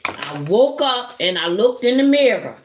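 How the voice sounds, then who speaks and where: A middle-aged woman telling an emotional healing testimony straight to her listeners, preachy and impassioned, with sudden high, loud bursts. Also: sing-song, a little slow, slightly rough. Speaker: speaker sharing a healing testimony. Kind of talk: emotional testimony addressed to the audience.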